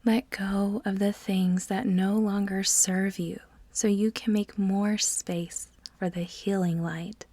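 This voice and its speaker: Guiding a meditation, a woman uses a medium-pitched, breathy, near-whispered voice with a level tone. She speaks soothingly and deliberately, pausing between phrases. No echo is present.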